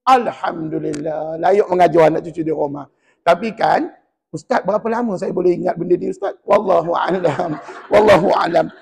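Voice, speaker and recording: A man with a Malaysian Malay accent teaching Quran recitation in a mosque class, drilling and correcting students in a lively, teasing way. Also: fairly high pitch, normal speed, creaky, breathy edge, in a large hall.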